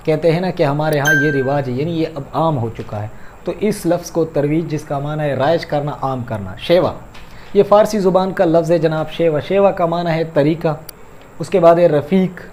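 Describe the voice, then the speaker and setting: A man's voice: fairly high pitch, background noise. A man teaching an Urdu class, explaining vocabulary and repeating words to correct their pronunciation, addressing listeners politely. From Pakistan. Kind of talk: lecture on vocabulary and grammar.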